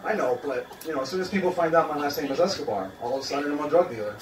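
A young man from Queens, New York, talks very fast in a slightly high voice during a dry, self-deprecating stand-up set loaded with ums and uhs. He's on a small indoor café open-mic stage holding a handheld mic, recorded from the audience on a phone that sounds roomy, distant and noisy, with laughter and room noise in the background.

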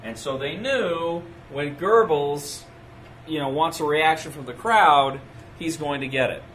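A man's voice: a little high, a little slow, fairly bright tone, roomy sound, a little hiss or hum. A man giving a spoken history lecture, explaining and quoting emphatically, repeating phrases for effect.

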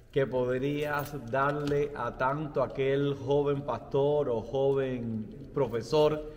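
Male interviewer in a reverberant studio. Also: mid-range voice. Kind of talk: interview questions. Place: studio set.

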